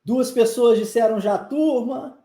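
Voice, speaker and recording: In a very high, mellow voice and an unhurried pace, this Brazilian-accented man teaches English pronunciation live online. He coaxes his audience and drills phrases through repetition, recorded in an echoey room.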